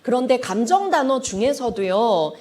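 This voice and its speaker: A woman gives a lively talk-show lecture on family counseling, her voice sitting a little high and swooping through a wide, expressive pitch range. She speaks to a live audience in a library lecture hall, coaxing them to repeat phrases after her. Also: moderate pace. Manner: acts out quoted family dialogue.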